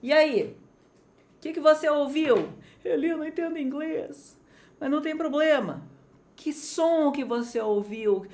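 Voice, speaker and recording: A woman from Brazil gives an online English lesson in a fairly high voice. She is energetic and chatty, speaks directly to her students, and her pitch swings widely from phrase to phrase. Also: measured pace, a little hiss or hum. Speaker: English teacher.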